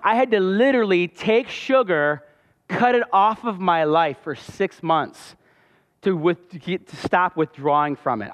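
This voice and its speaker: A man giving a sermon testimony, telling his story with passion. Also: high voice. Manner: impassioned, storytelling. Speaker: pastor. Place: church hall. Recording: dull sound with long hall reverb.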